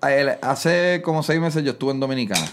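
A man with a Puerto Rican accent, a comedian guest on a podcast, telling stories in an animated way and acting out quotes. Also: mid-range voice, brisk. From Puerto Rico. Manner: animated storytelling, acts out quotes. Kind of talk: casual podcast chat.

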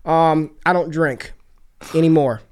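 Brief: man, high-pitched, casual draft-analyst commentary, excitable delivery. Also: measured pace. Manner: energetic, excited, talks over plays. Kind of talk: casual film breakdown commentary.

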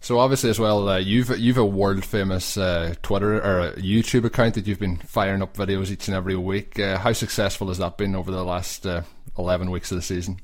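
Irish man, podcast host, quick delivery, lowish voice, lots of uhs. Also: fairly even intonation. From Ireland. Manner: hesitant, many uhs. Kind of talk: casual podcast interview.

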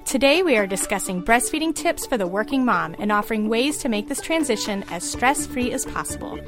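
A woman's voice: on the high side, animated, brisk, music in the background. A woman podcast host and lactation consultant, reading a scripted show intro in an upbeat way.

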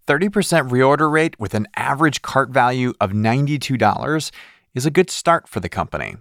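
A man narrating a business pitch show in a scripted voice-over with a punchy, dramatic delivery. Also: expressive, a little fast, vocal fry, a bit bright.

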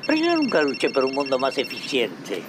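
An actor playing a gentle elderly Argentine husband and father, speaking tenderly and soothingly. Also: mid-range voice, huge pitch swings, brisk, noisy background. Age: older.

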